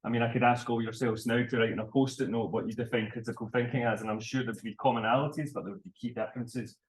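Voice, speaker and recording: A man presenting his research at a conference, deliberate and self-correcting as he speaks. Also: mid-range voice, fairly even intonation, rough recording. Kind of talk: academic conference talk. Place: conference room.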